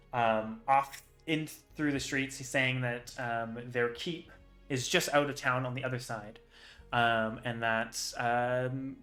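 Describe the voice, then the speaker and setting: Give me a bright-voiced man running a tabletop game, rambling with ums and likes. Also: medium pitch. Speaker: game master.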